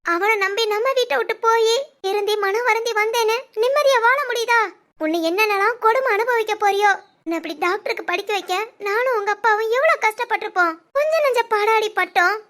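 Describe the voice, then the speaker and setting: Lady playing a scolding village amma in a cartoon drama, tirunelveli accent, super high squeaky voice. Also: fairly quick, a bit bright. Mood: bitter scolding. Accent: Tirunelveli Tamil. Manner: bitter, scolding. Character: worried scolding village mother, middle-aged. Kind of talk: animated family drama.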